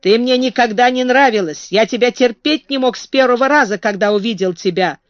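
A woman's voice: fairly high pitch, brisk, no echo, muffled recording, pitched above the performer's own voice, natural voice. A woman voicing a hot-tempered old male gardener who scolds and blusters. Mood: angry scolding.

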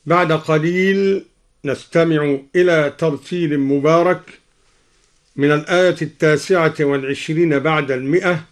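A man teaching Quran reading variants on the radio, explaining each point and then chanting the verse slowly as an example. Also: fairly high pitch. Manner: measured, slow chanting of quoted verses. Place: radio studio.

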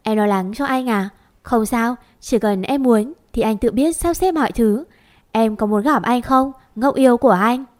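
A woman reading as an earnest young man courting his girlfriend from afar. He pleads tenderly, in a fairly high voice. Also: normal speed, a little mellow, close to an everyday voice. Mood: pleading.

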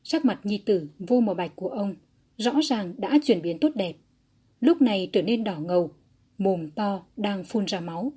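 A woman narrating a historical fantasy audiobook in a steady, even storytelling manner. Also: mid-range voice, unhurried, slightly rough.

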